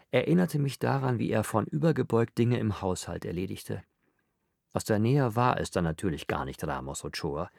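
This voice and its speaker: A man reading a novel aloud as narrator in a wry, measured manner. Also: on the low side, gravelly, darkish tone, no echo, clean studio sound. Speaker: audiobook narrator. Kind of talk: scripted narration.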